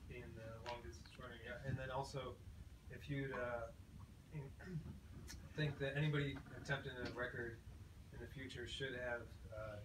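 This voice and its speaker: Flat-voiced man asking a question from afar. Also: medium pitch. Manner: halting, lots of "uh". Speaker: audience member asking a question. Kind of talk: audience question. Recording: distant echoey room with loud noise.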